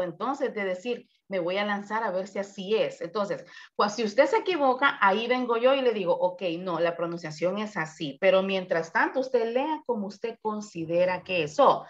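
A woman's voice: medium pitch, a bit bright, lo-fi sound. A woman teaching an English class over a video call, explaining grammar patiently. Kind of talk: online class instruction.

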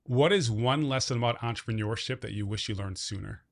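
A man hosting an interview podcast, speaking close to a broadcast mic at his home studio desk. His voice sits at an ordinary middle pitch. He talks in a measured, reflective way as he sums up his guest's ideas. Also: creaky. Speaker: podcast host. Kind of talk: conversational interview. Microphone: studio podcast mic on boom arm, headphones.

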